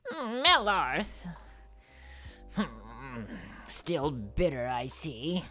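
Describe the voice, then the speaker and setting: A man voicing an old female beholder, a tentacled eye monster, speaking slowly and haughtily. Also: on the high side, big pitch swings, bright, forceful tone, soft background music, voice pushed up, heavily acted. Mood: scornful. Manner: slow, drawn-out, haughty.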